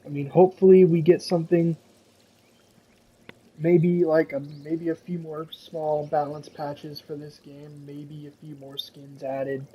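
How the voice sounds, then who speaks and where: A man's voice: on the high side, flat delivery, measured pace, husky, lo-fi sound. A young man talking casually and frankly to his viewers, rambling a little and cursing now and then. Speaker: gaming commentator. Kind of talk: casual solo talk to viewers.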